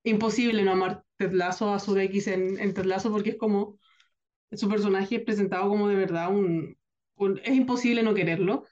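A podcast co-host explaining film-industry gossip in a steady, informative way. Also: medium pitch, brisk. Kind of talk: casual film discussion. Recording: dull lo-fi sound.

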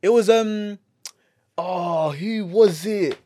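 A man's voice: sits high, very slow, dark tone. A young man with a London roadman accent bantering and telling stories casually, full of street slang and repeated words. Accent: London, urban street slang. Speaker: podcast co-host.

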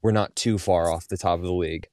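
Guy on a soccer podcast, rambly, lots of likes, kinda low voice, dry close sound. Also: steady tone, fast, a little mellow, no echo. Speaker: podcast co-host. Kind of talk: casual soccer podcast chat.

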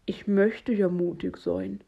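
A woman's voice: medium pitch, fairly even intonation, slow pace, creaky, slightly rough, muffled recording, exaggerated voice. A woman voicing a timid, fearful young male animal in a storybook, hesitant and worried.

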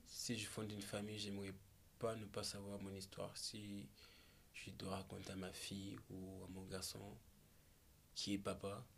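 A man from Malawi talking slowly and thoughtfully as a podcast guest, with searching pauses and restarts. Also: fairly low pitch, completely flat delivery, gravelly, fairly bright tone, a little hiss or hum. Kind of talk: reflective conversation.

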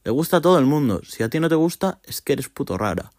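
A man's voice: a little high, sing-song, quick pace, a little mellow, dry recording, studio quality. A man hosting a podcast, delivering a sarcastic, swearing comic rant. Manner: sarcastic, ranting, swears often. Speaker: podcast host. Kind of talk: casual comic monologue.

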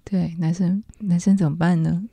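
A woman's voice: on the low side, flat delivery, normal speed, creaky, mellow, husky, no room sound. Incredulous teasing woman. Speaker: podcast co-host. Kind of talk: casual chat.

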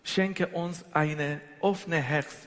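Slow and fairly even in tone, a slightly high, fairly bright male voice belongs to an Afghan guest preacher whose native language is Persian. He gives a sermon with testimony, pausing between short passages for interpretation, his Afghan accent clear. The large church hall adds a lengthy echo.

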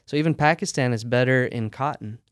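Guy who owns a sock company chatting casually, smooth clear voice, dry sound. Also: mid-range voice, fairly quick, no room sound. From United States. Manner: relaxed, practical, talks in run-on explanations. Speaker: sock company owner, guest. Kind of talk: casual interview conversation.

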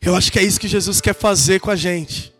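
A man's voice: high voice, quick pace, fairly bright tone. A man preaching an informal sermon, retelling a scripture story in slangy, dramatic style.

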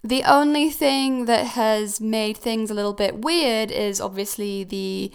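A young woman raised in Switzerland talks through a relaxed solo podcast episode at home. Her voice is smooth and clear with a steady rasp of fry at the ends of phrases. She rambles comfortably, dropping ums and correcting herself mid-sentence. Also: on the high side, a little slow. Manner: chatty, with frequent ums and self-corrections. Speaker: podcast host. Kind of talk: casual solo podcast talk. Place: new house.

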